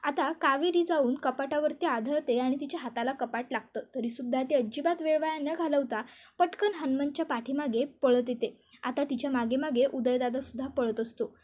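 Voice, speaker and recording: A woman's voice: high voice, moderate pace, darkish tone. A woman retelling a TV serial episode as a story, narrating the scenes and reading the characters' lines aloud.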